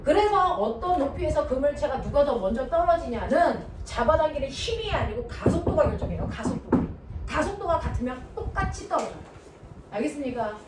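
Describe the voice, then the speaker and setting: Heard from afar in a noisy, echoing room, a high-voiced woman teaches physics to a class. Her lecture is lively, and she keeps checking in by quizzing her students.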